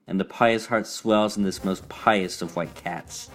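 Man, low voice, storybook narration, measured, deliberate. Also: steady tone, a bit bright. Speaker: reader.

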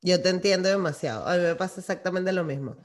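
A woman's voice: lowish voice, quick pace. A woman with a Venezuelan accent hosting a casual interview, asking questions and affirming her guest with frequent laughs. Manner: warm, affirming, laughs often. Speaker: podcast host.

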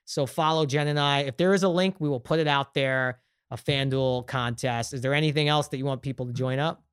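Man, Brooklyn accent, smooth resonant voice, rambling podcast co-host. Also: medium pitch, steady tone, brisk, no room sound, studio quality. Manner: rambling, restarts and fillers, upbeat sign-off. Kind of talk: casual sports podcast chat.

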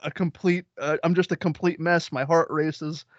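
A man's voice: on the high side, steady tone, normal speed, no room sound. A man co-hosting a podcast in casual chat, hesitant and often repeating himself. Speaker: podcast co-host. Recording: dry, dull lo-fi sound.

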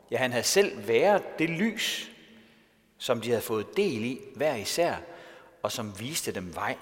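A male pastor giving a sermon in a storytelling way, asking rhetorical questions. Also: medium pitch. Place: church. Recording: long church reverb.

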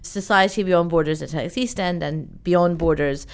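A woman from Iran who grew up in the UK, speaking as a guest in an interview in an animated, chatty way with many fillers. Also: on the low side, moderate pace, clean tone. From Iran, raised in the UK. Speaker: event organizer, guest. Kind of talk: conversational interview.

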